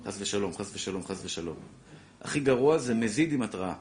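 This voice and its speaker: A man teaching a lively religious law lesson to a class, repeating his points and acting out little scenes. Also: lowish voice. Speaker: Torah teacher.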